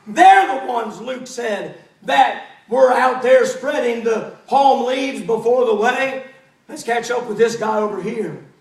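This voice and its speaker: A man's voice: very high voice, slow. A male pastor telling a dramatic, playful sermon story in a church. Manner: animated, playful narration. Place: church sanctuary. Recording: echoey church, mic at a distance.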